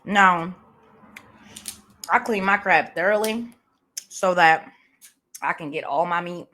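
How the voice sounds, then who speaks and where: Low-voiced woman chatting while eating. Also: takes it slowly. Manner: relaxed, chatty, talks between bites. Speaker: mukbang host. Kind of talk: casual mukbang chat while eating.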